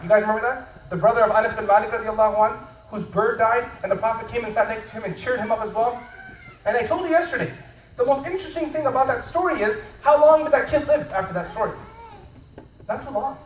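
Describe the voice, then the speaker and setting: Guy giving a fast high-pitched talk at a conference, big room echo, mic kinda far. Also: slight background noise. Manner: animated storytelling, swings from loud to hushed. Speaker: Islamic preacher. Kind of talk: lecture at a conference. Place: conference hall. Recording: echoey hall from far off.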